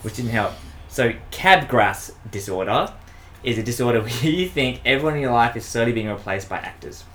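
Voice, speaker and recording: A man's voice: medium pitch, lively intonation, moderate pace, fairly bright tone, slight background noise. A man hosting a casual podcast chat, rambling with frequent restarts and laughter while he explains a quiz. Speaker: podcast host.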